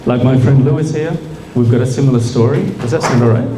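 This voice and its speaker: A man's voice: medium pitch, fast talker, a loud crowd. A middle-aged man telling a rambling personal story live on stage, often asking the audience questions. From Peru. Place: small bar venue, live audience. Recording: echoey room with faint noise.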